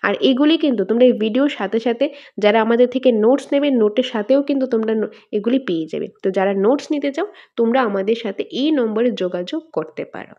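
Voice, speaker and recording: A woman teacher with a Tripura Bengali accent giving an exam-prep lesson, asking questions and answering them herself and drawing words out slowly to show their syllables. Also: a little high, warm tone. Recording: dull lo-fi sound.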